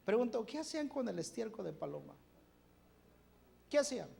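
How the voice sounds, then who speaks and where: A preacher giving a sermon in a church, reading scripture and putting questions straight to the congregation, with the volume swinging between loud and soft. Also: medium pitch, normal speed, vocal fry, a little hiss or hum. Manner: animated, shifting loudness.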